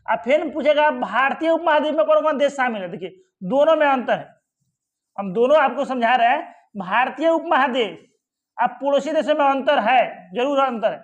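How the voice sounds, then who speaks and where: The audio is dull, but the man's very high voice carries lively intonation at a moderate pace. Teaching exam-prep geography at a map, he answers his own questions and keeps reassuring the class, repeating "ठीक है" and "आराम से".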